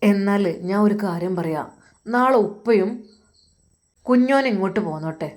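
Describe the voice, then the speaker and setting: A woman with a Malappuram Malayalam accent voicing a gentle, religious young husband who steadily reassures his wife. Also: medium pitch, lively intonation, moderate pace, close to an everyday voice. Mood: soothing. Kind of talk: storytelling voice acting.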